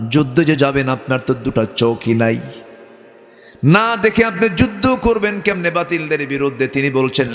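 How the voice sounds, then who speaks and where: A man preaching a sermon, telling a story with impassioned, tearful cries that climb high. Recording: long hall reverb with faint music.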